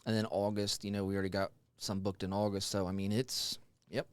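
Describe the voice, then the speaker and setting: A man's voice: fairly low pitch, flat delivery, a little fast, clean tone, no room sound. A man co-hosting a podcast in casual, laid-back chat with brief interjections. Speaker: podcast co-host.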